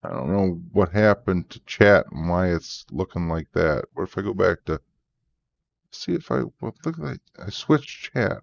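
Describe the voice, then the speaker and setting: Man streaming, tired and yawning, very low voice, dry slightly dull mic sound. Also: a little slow, gravelly, dry recording. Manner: relaxed, tired, thanking viewers. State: sleepy, yawning. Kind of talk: casual live-stream chat.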